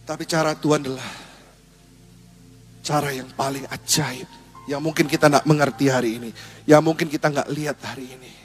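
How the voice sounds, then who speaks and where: A man pastor, preaching a lively, humorous sermon and asking the congregation questions. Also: fairly high pitch, brisk, pauses often, faint music behind.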